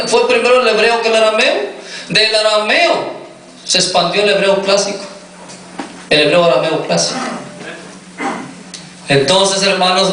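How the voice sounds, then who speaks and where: A man's voice: a little high, sharp tone, slight background noise. A male pastor preaching a sermon, often asking his congregation questions as he goes. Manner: questions the congregation, repeats "me entiendes". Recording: echoey hall, distant mic.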